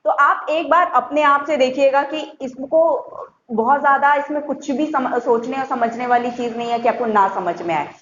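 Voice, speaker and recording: A woman teacher explaining a grammar lesson to young schoolchildren, patient, repeating points and sounding out examples slowly. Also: high voice, a bit bright. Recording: muffled echoey room with faint hiss.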